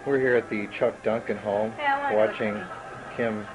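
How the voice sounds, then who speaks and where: A man's voice: fairly low pitch, steady tone, measured pace, poor audio. Guy filming family stuff on an old vhs tape, chatty and joking, music going in the background. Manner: joking, chatty running commentary. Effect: old VHS home video tape. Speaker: home video camera operator. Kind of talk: casual home video narration.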